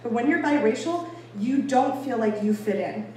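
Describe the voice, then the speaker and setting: A warm, fairly high voice with lively intonation and normal speed belongs to an American woman from Boston. She delivers an informal public talk in an emphatic, conversational manner, joking at her own expense. Recorded in an echoey indoor venue with an audience, via a distant mic and faint noise.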